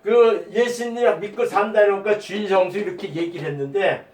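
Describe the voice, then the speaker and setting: A man's voice: high-pitched, a little fast, a little mellow. A middle-aged man giving an earnest, rambling spoken testimony as a lay preacher, emphatic and quoting his prayers. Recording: echoey room, voice from a distance.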